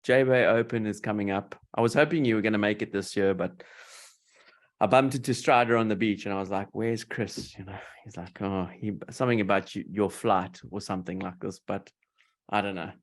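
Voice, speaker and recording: Laid-back South African man, low voice. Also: steady tone, a little fast. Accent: South African English. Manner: playful, teaching slang with a laugh. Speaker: host. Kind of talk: casual interview chat.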